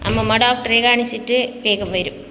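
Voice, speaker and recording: A mother and vlogger with a high-pitched voice chats casually with her toddler, coaxing and sing-song, firing off question after question in a steady, brisk, pushed, bright tone. The roomy sound has a long reverb tail and a faint background hum, like a home kitchen.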